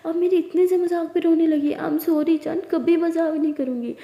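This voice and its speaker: A woman's voice: very high voice, fairly even intonation, normal speed, lo-fi sound, pitched above the performer's own voice. A woman voicing a playful, teasing young college woman who coaxes and jokes, recorded in an echoey room. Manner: coaxing, teasing. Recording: echoey room with long reverb.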